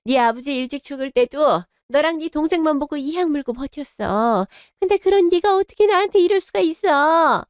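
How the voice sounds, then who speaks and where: A woman's voice: a little high, sing-song, normal speed, clear, resonant tone, no room sound, clean studio sound. A woman voicing a harsh, cruel older mother-in-law in a radio drama, scolding and contemptuous. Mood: indignant.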